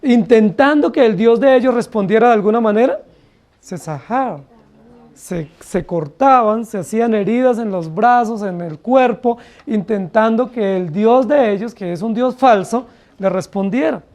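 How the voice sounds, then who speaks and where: A man's voice: high-pitched, normal speed, a little mellow. A man with a Colombian Spanish accent, preaching a Bible study sermon in a church, often asking the congregation rhetorical questions and acting out quoted excuses. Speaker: pastor.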